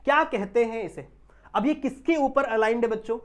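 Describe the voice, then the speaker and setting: A man giving an online biology lecture. He keeps checking whether students understand, draws technical terms out slowly, and mixes English terms into his Hindi. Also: extremely high pitch. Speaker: biology teacher.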